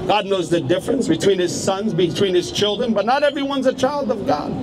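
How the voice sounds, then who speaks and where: High-voiced male street preacher. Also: fairly quick. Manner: urgent, repetitive exhortation with hallelujahs. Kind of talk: open-air street preaching. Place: busy city street outdoors. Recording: loud street noise. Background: traffic and street noise.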